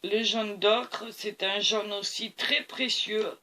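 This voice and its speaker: A woman's voice: medium pitch, steady tone, slow, sharp tone. A tired woman hosting a painting tutorial, talking to camera as she mixes colors and keeps praising them. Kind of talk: art demonstration talk to camera.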